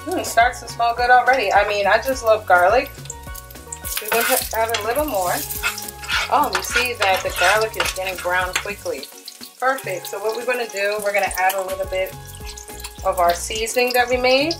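A woman's voice: medium pitch, normal speed, music in the background. A woman filming a casual cook-along in her home kitchen, chatty and upbeat as she talks through each step. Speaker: cooking vlogger.

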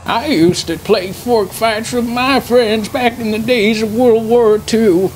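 A forgetful old grandpa in a game role-play. The grandpa voice is very high and slow. He rambles cheerfully in a folksy old-timer drawl, like a muddled war veteran. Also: a little hiss or hum, low-quality recording. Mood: rambling, reminiscing.

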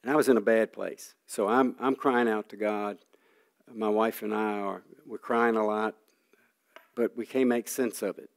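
An older man giving an earnest sermon testimony, telling a personal story with halting restarts and frequent throat clearing. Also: on the low side, fairly even intonation. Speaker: preacher.

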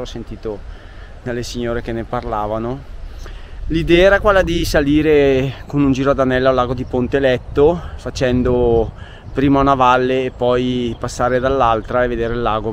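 A man's voice: mid-range voice, a little hiss or hum. A man narrating his own mountain hike to camera, chatting and thinking aloud as he walks outdoors on roads and forest trails. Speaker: hiking vlogger. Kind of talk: casual hiking narration to camera. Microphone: camera carried while hiking.

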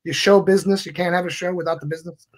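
A middle-aged magician, guesting on a casual podcast over a video call, talks expansively and philosophically while gesturing a lot. His voice sits high with a steady tone, and he speaks very fast.

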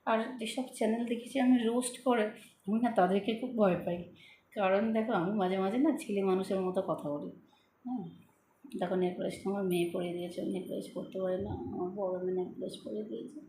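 A middle-aged woman vlogging at home into her phone. She speaks with a soft, slightly lisping, childlike manner and takes her time over words to say them clearly. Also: mid-range voice, steady tone, quick pace, roomy sound, slight background noise. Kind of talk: casual chat to viewers. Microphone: phone camera.

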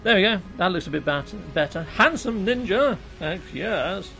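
His high, creaky voice has a sharp tone and an animated delivery at normal speed, with soft music in the background. This British man in his thirties live-streams a game, chatting with viewers in a jokey, self-mocking way. He speaks into a USB mic on top of his laptop from a small room at home.

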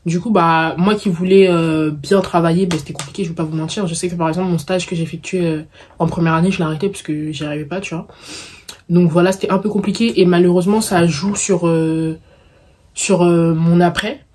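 This vlogger's voice is low, husky and darkish, a little fast but steady in tone. An early-twenties woman of Congolese descent from the Paris suburbs, she answers viewer questions in playful, slangy talk, with her suburban accent and English catchphrases.

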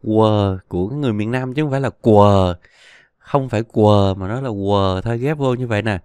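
Giọng nam miền Nam, giảng phát âm chậm rãi, kiên nhẫn, giọng trong, thu âm khô và gần. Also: male voice, medium pitch, quick pace, a little mellow, clear, resonant tone, no echo. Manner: patient, drills each sound twice. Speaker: Chinese pronunciation teacher. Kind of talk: slow, repetitive language lesson.

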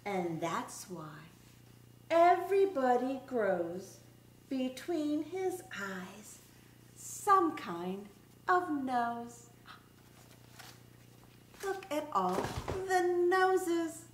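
During children's story time in a small room arranged as a classroom, a middle-aged special education teacher reads a picture book in a high-pitched, very animated voice. She is expressive and deliberate, stretching her words, while the recording carries roomy echo and background room noise.

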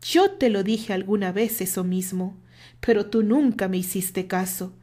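A woman's voice: medium pitch, expressive, unhurried, dark tone. A woman voicing a self-assured man who talks firmly and cuttingly. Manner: firm, cutting delivery. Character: self-assured man, firm and mocking rival.

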